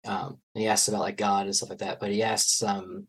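Male podcast guest, husky breathy tone, loose rambling delivery with lots of fillers. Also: fairly low pitch, flat delivery, brisk, rough recording. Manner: rambling, filler-heavy, trails off softly. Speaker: guest anthropologist. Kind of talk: casual podcast conversation.

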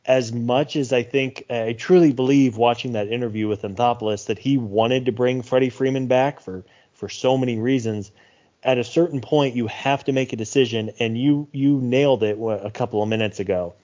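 A man with a steady, mellow mid-range voice at normal speed co-hosts a casual sports podcast. He speaks earnestly and reflectively with plenty of fillers, and the podcast audio is muffled and lo-fi.

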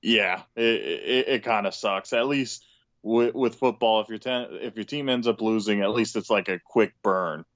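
An American man co-hosting a sports podcast, chatting casually and haltingly, often repeating words. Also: on the low side, a bit bright, no room sound, lo-fi sound.

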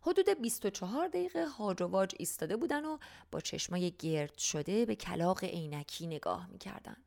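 A woman reading a humorous teen storybook aloud with a playful, teasing delivery. Her voice carries a gravelly edge at a middle pitch. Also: expressive, darkish tone. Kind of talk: storybook narration for teens.

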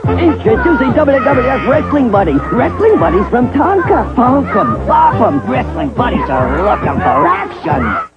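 A man announcing a high-energy toy commercial, recorded like a lo-fi TV ad with music behind him. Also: huge pitch swings, measured pace, a loud crowd, exaggerated voice. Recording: dull lo-fi TV ad, loud music.

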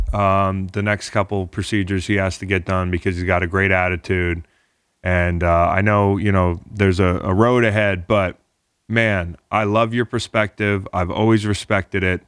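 A man's voice: sits low, smooth, dry recording, clean studio sound. A man hosting a podcast, talking casually in a rambling, encouraging way. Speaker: podcast host.

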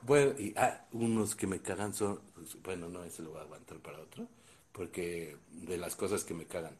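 A Mexican man in his forties co-hosting a loose, joking podcast chat. His voice sits on the low side, and he laughs easily and leans on slang. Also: moderate pace, a little mellow. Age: 40s. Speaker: podcast co-host. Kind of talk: casual comedic chat.

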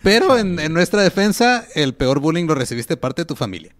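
A man's voice: fairly high pitch, sing-song, fairly quick. A Mexican man co-hosting a casual podcast, joking with friends and reading viewer comments aloud. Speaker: podcast co-host.

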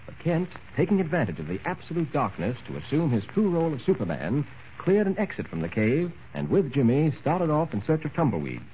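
Lively old radio show narrator, tinny sound. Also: male voice, fairly high pitch, fairly quick, a little hiss or hum. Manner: dramatic storytelling narration. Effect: old radio show broadcast recording. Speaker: story narrator. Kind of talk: 1940s radio drama narration.

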